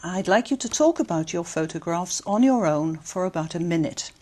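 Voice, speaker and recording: Clear, lively-voiced woman examiner. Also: on the low side. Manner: measured and clear, encouraging murmurs. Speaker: exam interviewer. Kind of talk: scripted speaking-test questions.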